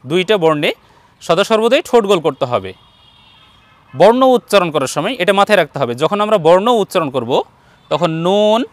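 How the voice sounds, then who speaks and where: A man with a Bangladeshi Bengali accent teaches Arabic letter sounds in an online Quran lesson. His voice sits fairly high, and he draws each letter out slowly and patiently. The sound is dry and close, with no room echo. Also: animated. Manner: slow, patient, drawn-out letter demonstrations.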